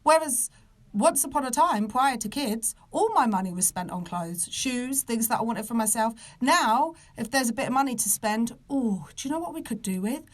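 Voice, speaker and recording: A British woman of about thirty with soft R sounds, ranting casually and comically to a live online audience in an exasperated, emphatic, sweary manner. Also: on the high side, expressive, normal speed. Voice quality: soft, non-rolled R sounds. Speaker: podcast host.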